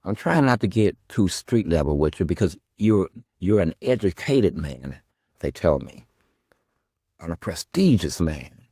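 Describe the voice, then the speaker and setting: A man's voice: sits low, very animated, a little slow, dark tone, breathy edge, no echo, clean studio sound. A male podcast host delivering a confrontational monologue at an absent guest. He is sarcastic and profane, and he keeps circling back to his questions.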